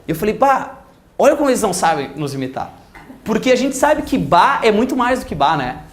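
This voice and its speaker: Brief: Gaúcho man, grammar teacher, high voice, animated and mimicking, echoey classroom sound. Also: brisk. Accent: Gaúcho Portuguese. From Rio Grande do Sul, Brazil. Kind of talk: lively classroom lecture with anecdotes.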